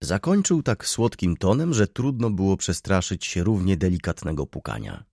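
A deep-voiced male audiobook narrator reads a novel in scripted narration. His storytelling is expressive at a moderate pace, recorded with studio quality and no room sound.

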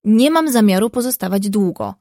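A proud, hot-tempered young gentleman from an audiobook, stubborn and indignant, as a woman narrator voices him. The voice sits at a middle pitch. It is recorded close and dry, with no room sound. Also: animated, normal speed, no room sound.

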